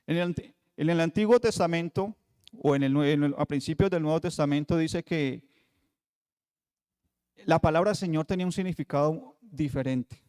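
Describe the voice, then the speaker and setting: A man preaching a Bible study sermon, with rhetorical questions and emphatic pauses. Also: on the high side, a little mellow, clear, resonant tone. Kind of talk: radio sermon teaching. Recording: long hall reverb.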